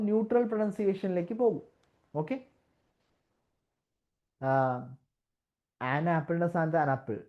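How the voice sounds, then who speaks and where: A woman teaching English test criteria, mixing Malayalam with slow English and restarting her words as she explains. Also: on the low side. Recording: dull lo-fi audio.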